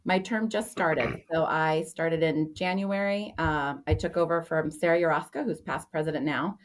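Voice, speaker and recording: Low-voiced woman introducing herself. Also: normal speed. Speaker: podcast guest, association president. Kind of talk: casual podcast self-introduction.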